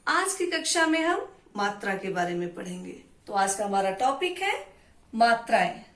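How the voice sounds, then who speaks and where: A woman teaching a Hindi lesson to children, with a clear teacher's delivery that spells out and repeats syllables. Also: mid-range voice, big pitch swings, moderate pace, roomy sound.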